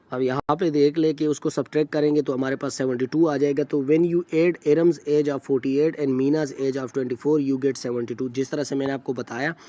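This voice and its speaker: A test preparation teacher from Pakistan explains practice test answers to students in a mellow, relaxed, middle-pitched voice. He works through each problem step by step and reads the English question text slowly. He keeps stopping to correct himself with a quick apology.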